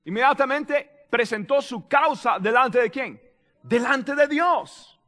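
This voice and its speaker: A man preaching a sermon as pastor, animated and dramatic, acting out prayers and raising his voice to a shout. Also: very high voice, slow pace, big-room sound.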